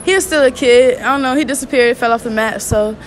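A woman's voice: fairly high pitch, quick pace, slight background noise, rough recording. A woman being interviewed in a shopping mall, chatty and giggly as she answers.

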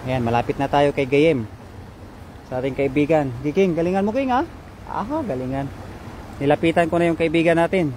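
A man live-streaming a fishing trip from a riverbank on a phone, chatting and giving shoutouts to viewers. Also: fairly high pitch, lively intonation, brisk, slight background noise. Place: riverbank outdoors.

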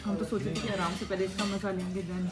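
A woman's voice: mid-range voice, flat delivery, fast, over loud music. A woman chatting casually over a family meal, slipping English words into her talk. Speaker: vlogger. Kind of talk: casual mealtime chat. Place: busy restaurant indoors. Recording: roomy sound, loud crowd and clinking dishes.

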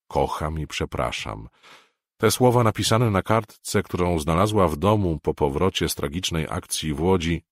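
Very deep-voiced male audiobook narrator. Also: no room sound, clean studio sound. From Poland.

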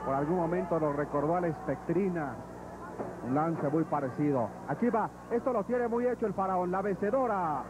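A high-voiced Mexican man works as a wrestling commentator, giving live play-by-play. The sound is a noisy old television broadcast from an arena. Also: normal speed. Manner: narrates moves and recounts fighters' past bouts.

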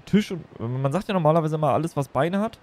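A man's voice: fairly high pitch, lively intonation, fast, darkish tone. A man chatting casually and playfully as he livestreams a game, rambling from one thing to the next. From Germany. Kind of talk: casual chat while streaming a game.

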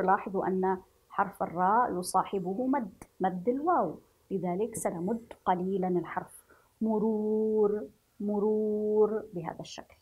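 Breathy woman teaching children to read. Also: mid-range voice, narrow, tinny audio. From Yemen. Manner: slow drawn-out syllables, praising pupils. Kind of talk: children's reading lesson.

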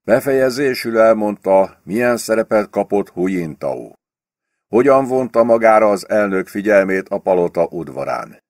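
A man reading a novel aloud as an audiobook in a steady, expressive way. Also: low voice, no room sound, studio quality. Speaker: audiobook reader. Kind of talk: audiobook narration.

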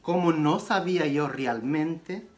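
A man telling a personal story in a casual makeup vlog, animated and mixing in English phrases. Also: slow. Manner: animated retelling with sudden pitch jumps. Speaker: beauty vlogger.

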